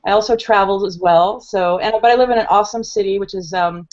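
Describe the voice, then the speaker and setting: A hoarse woman joins a video call as a guest, breezy and playful in her speech. Her pitch is ordinary. The call audio comes through dull and lo-fi. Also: quick pace, darkish tone. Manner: breezy, laid-back, playful. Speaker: panel guest. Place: home studio.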